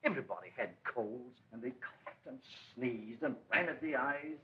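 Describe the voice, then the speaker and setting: A man's voice: medium pitch, normal speed, slight background noise, natural voice. An actor playing an old reminiscing great-grandfather. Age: older. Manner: mild, reminiscing storytelling. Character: gentle old great-grandfather recalling the past. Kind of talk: 1930s film acting. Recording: dull lo-fi 1930s film soundtrack.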